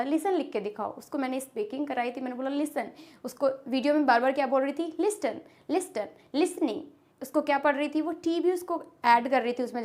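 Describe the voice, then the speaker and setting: A young woman, an English trainer teaching pronunciation. She asks questions and answers them herself, repeating each word. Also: high-pitched. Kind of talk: spoken English lesson.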